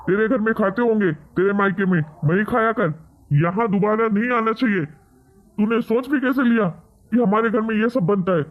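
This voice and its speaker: A man voicing a stern older father-in-law in an animated story, gruff and threatening. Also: high voice, normal speed, lightly acted. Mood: angry. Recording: tinny phone-like sound.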